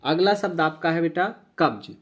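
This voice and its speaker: Guy teaching english words, kinda high voice, repeats and spells everything. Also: animated. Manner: slow, repeats each word and spells it out. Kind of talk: vocabulary lesson.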